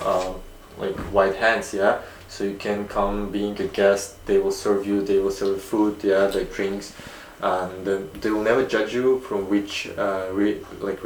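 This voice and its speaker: A man's voice: lowish voice, slight background noise. A young man from Uzbekistan answering interview questions hesitantly, with many fillers and restarts. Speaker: guest. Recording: echoey room.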